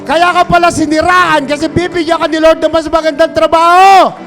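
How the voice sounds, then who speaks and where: A male pastor preaching an animated sermon, mixing Tagalog and English, calling out to the congregation and shouting for emphasis. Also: extremely high pitch, fairly quick, faint music behind.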